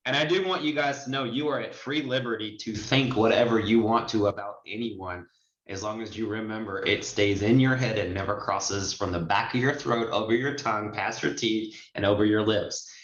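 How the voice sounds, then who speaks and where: A host and notary trainer in his forties coaches a group over a video call, the audio muffled and roomy. His voice is lowish and fairly bright, at normal speed, and he's chatty, often illustrating points with examples.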